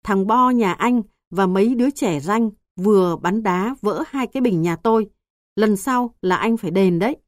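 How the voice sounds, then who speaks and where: A woman's voice: medium pitch, moderate pace, dry recording, studio quality, close to an everyday voice. A woman voicing a grumbling older neighbour. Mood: annoyed. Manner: complaining, sharp. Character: annoyed neighbour woman, about sixty.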